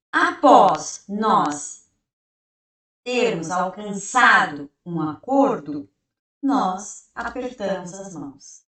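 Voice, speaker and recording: A woman teaching an English grammar lesson who explains step by step, asks and answers her own questions, and reads the example sentences out slowly. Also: mid-range voice, a bit bright. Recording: very echoey room, heard from a distance.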